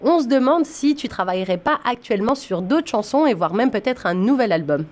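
Woman, radio host, interview questions, measured delivery. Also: a little high, expressive, a little mellow. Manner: measured questions with some stumbles.

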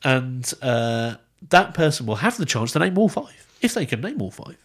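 A man's voice: mid-range voice, sing-song, normal speed. A young man hosting a gaming podcast and running its quiz, bantering and chuckling with his co-hosts. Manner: bantering, chuckles between lines. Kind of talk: casual chat.

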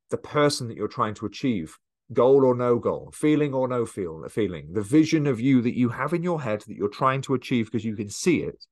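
A man coaching listeners in a casual, earnest motivational monologue, with frequent fillers and restarts. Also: mid-range voice. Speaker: coach and podcast host.

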